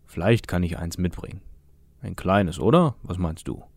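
A man voicing a kindly older man with bent legs, speaking gently and coaxingly in an audiobook reading. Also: low-pitched, lively intonation, moderate pace, no room sound.

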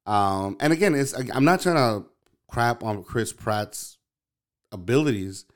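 A man's voice: medium pitch, lively intonation, a little slow. A man in casual chat, rambling and hesitant, with many fillers and restarts.

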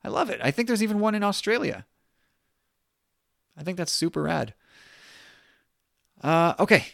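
A man's voice: sits high, expressive, moderate pace, creaky, a bit bright, dry recording, clean studio sound. A man chatting casually as a podcast host. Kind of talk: casual chat.

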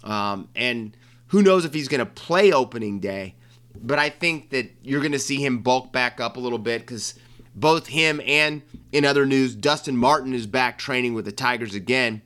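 A man's voice: mid-range voice, moderate pace, a bit bright. A man hosting a sports talk show, chatting casually about players and coaches in a joking way with frequent ums and restarts. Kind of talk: casual sports commentary monologue.

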